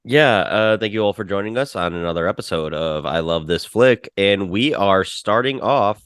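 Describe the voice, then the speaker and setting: A man hosting a movie podcast in casual chat, pausing often with fillers and restarts. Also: on the low side, animated, a bit bright, smooth, dry recording, clean studio sound. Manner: hesitant, full of fillers and restarts. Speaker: podcast host.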